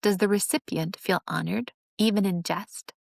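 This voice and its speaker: Gravelly-voiced woman teaching earnestly. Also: medium pitch, fairly even intonation, moderate pace, no room sound, studio quality. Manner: earnest, instructive, acts out sarcastic examples. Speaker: host. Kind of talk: teaching monologue on relationships.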